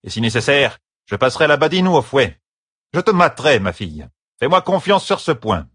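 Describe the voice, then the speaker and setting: A man's voice: medium pitch, sing-song, fairly quick, a bit bright, slightly rough, dry recording, studio quality, voice pushed up. A man voicing a stern woman disciplinarian who speaks in a grim, menacing way. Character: stern older woman disciplinarian, mistress of novices.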